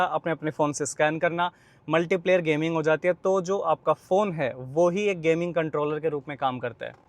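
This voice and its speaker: A man giving a chatty car review from inside the car, explaining features quickly to viewers. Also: fairly high pitch, no echo. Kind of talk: casual walkaround and driving review.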